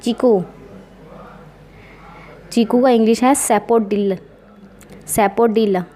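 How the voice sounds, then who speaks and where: A woman teaching vocabulary slowly and patiently, spelling each word out letter by letter. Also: fairly high pitch, steady tone, mellow. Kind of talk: slow, patient vocabulary lesson.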